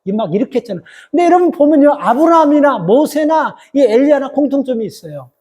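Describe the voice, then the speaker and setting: High-voiced man preaching a Sunday sermon. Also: sing-song, quick pace, dark tone. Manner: emphatic, addresses the congregation directly with rhetorical questions; acts out biblical quotes with rising, heated pitch. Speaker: pastor.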